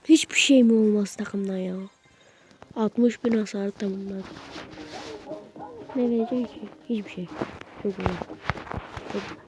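A woman giving live commentary while playing a video game, excitable and urging her teammates on with slangy shouts. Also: medium pitch, unhurried, long pauses, poor audio. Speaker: gaming channel host. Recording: clear background noise and game clicks.

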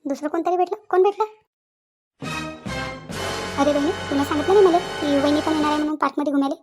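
A woman's voice: high voice, fairly even intonation, fast talker, over music, natural voice. A woman voicing a chatty young sister-in-law in a village cartoon, bickering and confronting.

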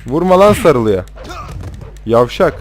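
In a mid-range, sing-song voice, a young man takes his time commentating on the game he's playing. The casual let's-play chatter turns rowdy as he swears at and trash-talks the on-screen characters.

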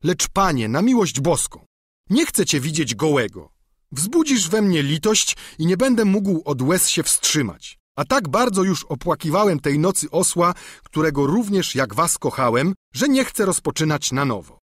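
A man's voice: fairly high pitch, big pitch swings, normal speed, breathy edge, no echo, studio quality, voice pushed up. A man reading a storybook, voicing a simple, talkative peasant squire in an eager, folksy way. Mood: pleading. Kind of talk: audiobook character reading.

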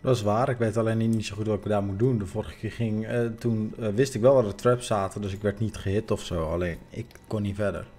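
A man's voice: lowish voice, fairly even intonation, fairly quick, hardly any pauses, darkish tone. A man chatting casually and joking while playing a game with friends. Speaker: gamer. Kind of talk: casual gameplay chat.

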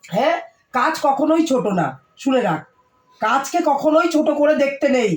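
A woman playing a strict middle-aged mother who nags and scolds her daughter, hoarse from a cold, with a Kolkata Bengali accent. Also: high-pitched, sing-song, moderate pace. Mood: scolding. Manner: scolding, nagging, raised voice. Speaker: mother in a short family skit. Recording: echoey room, voice from far off.

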